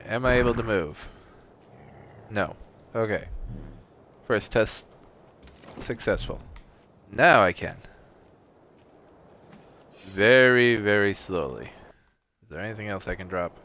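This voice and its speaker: A man's voice: lowish voice, slow pace, pauses often, bright, forceful tone, slight background noise. A man giving casual, sarcastic commentary while playing a video game and talking to himself. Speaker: gaming streamer.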